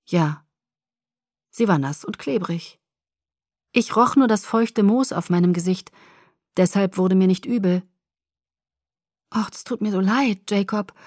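A woman narrates a novel in the first person, measured and expressive. Her voice sits at an ordinary middle pitch. The recording is dry and close, with no room around it. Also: no echo. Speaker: audiobook narrator.

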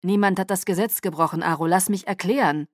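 Woman reading a calm, earnest vampire patriarch. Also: on the low side, fairly quick, dry recording, studio quality, natural voice. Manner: earnest, level, persuasive.

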